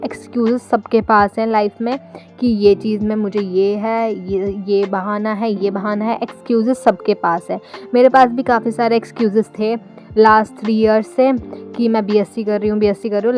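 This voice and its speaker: Young woman, slightly high voice, chatty, earnest vlog advice over light music. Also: dull audio. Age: 20s. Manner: chatty and earnest, full of fillers. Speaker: study vlogger. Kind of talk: casual advice monologue.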